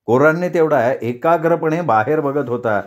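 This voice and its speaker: Expressive male storyteller. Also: a little high, moderate pace. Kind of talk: story reading.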